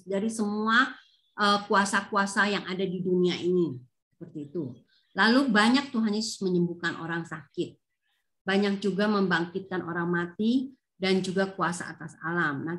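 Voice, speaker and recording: A woman's voice: medium pitch, fairly bright tone. Brief: woman Sunday school teacher, casual storytelling to kids, tag questions. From Indonesia. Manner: chatty, with many fillers and tag questions. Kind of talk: Bible storytelling to children.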